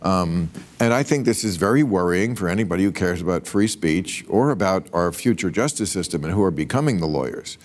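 A man's voice: sits low, animated, brisk, few pauses. A man hosting a panel discussion, emphatic and argumentative. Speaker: talk show host.

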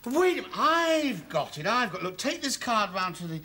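An actor playing a well-meaning, hesitant middle-aged husband who stammers in a studio sitcom. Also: male voice, very high-pitched, big pitch swings, moderate pace, bright, forceful tone, heavily acted.

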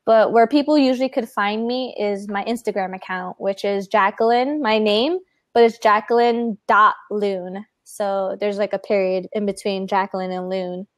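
A woman's voice: mid-range voice, fairly even intonation, moderate pace, dry recording, clean studio sound. A young woman talking casually as a guest in a live-streamed discussion, with frequent filler words. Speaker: guest panelist. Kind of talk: casual chat.

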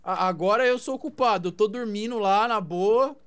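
A man's voice: sits high, moderate pace, a bit bright, clean tone. A man chatting over a game, stammering and defensive. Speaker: gaming friend. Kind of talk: casual gaming chat.

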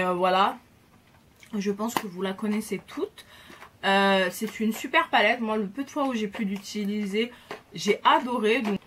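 A young woman vlogger chatting enthusiastically about her Christmas gifts, pausing often to find her words. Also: mid-range voice. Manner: chatty and enthusiastic, hesitant pauses. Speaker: beauty vlogger. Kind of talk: casual gift haul chat.

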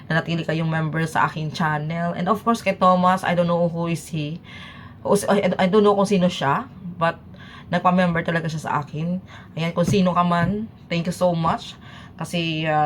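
A woman's voice: sits low, steady tone, brisk, slight background noise. A woman from the Philippines chatting casually as a YouTube reaction vlogger, switching between Tagalog and English and laughing often.

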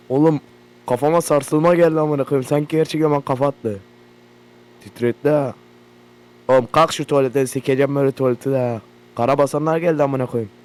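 Swearing man playing a horror game. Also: mid-range voice. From Turkey. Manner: profane, loud, jumpy reactions. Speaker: gaming YouTuber. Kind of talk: horror game let's play commentary. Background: generator hum from the game.

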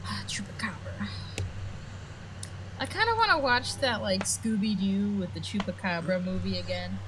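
A woman chatting over a live game stream, playful and teasing, breaking into sudden excited shouts. Her voice sits at an ordinary middle pitch. A clear layer of noise runs under the audio. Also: normal speed. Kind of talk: casual gaming chat.

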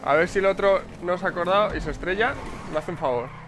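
An excitable man with an accent from Spain commentates his own car race at a quick pace in a fairly high voice. He swears freely and fires off words in repeated bursts, with faint game sounds running underneath.

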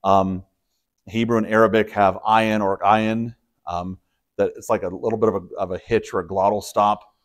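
A man's voice: on the low side, flat delivery, moderate pace. A man, a pastor, leading an informal Bible study, explaining in a conversational way with frequent fillers and restarts. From Texas. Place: church study room.

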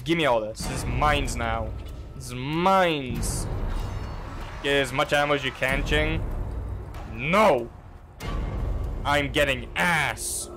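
A man streaming a video game, giving casual, crude commentary with goofy loud outbursts. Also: medium pitch, slow pace, pauses often, over music.

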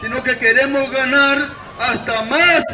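A sharp-toned Salvadoran man with a high voice delivers scripture explanations in short, measured, declamatory bursts, preaching outdoors from a gazebo on a town square. A camera far away captures him, so the audio sounds remote and echoey. Crowd chatter and passing traffic fill the noisy background.

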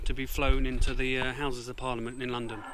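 A man presenting a deadpan mock-conspiracy video outdoors in the countryside, hesitant and full of ums, talking in a mock-secretive way into a handheld camera. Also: mid-range voice, quick pace. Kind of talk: deadpan comedy mockumentary. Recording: loud outdoor noise.

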